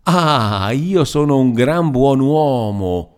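Man doing a shrill sneering old man. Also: normal speed, darkish tone, clean tone, close to an everyday voice. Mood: mocking. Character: shrill sardonic lame old man, stubborn and mocking.

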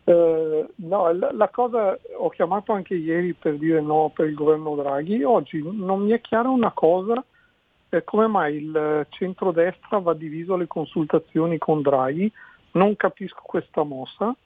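A man's voice: fairly high pitch, a little slow, no room sound. A man phoning in to a radio talk show to put a spontaneous question. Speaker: phone-in caller to a radio show. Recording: dry, tinny narrow-band phone line.

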